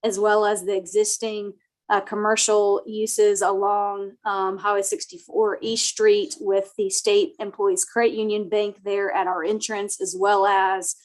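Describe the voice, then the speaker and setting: A slightly sick project planner presents formally to a town board during a remote meeting, heard through a computer mic on a video call. Her medium-pitched voice is soft-spoken and flat, dotted with many fillers.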